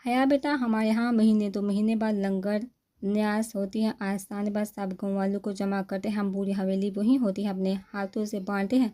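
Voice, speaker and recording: A woman's voice: medium pitch, fairly even intonation, natural voice. A woman reading a novel aloud, voicing an affectionate middle-aged mother welcoming a young guest. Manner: gentle, affectionate.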